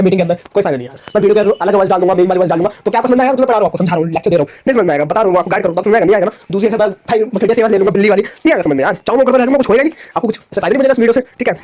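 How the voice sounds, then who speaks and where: Brief: young male lecturer, very rapid delivery, repeats himself, constantly checks in with the class. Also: sits high, a little mellow. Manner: rapid, repetitive, asks "theek hai?" often. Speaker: commerce lecturer. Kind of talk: casual Hinglish classroom lecture.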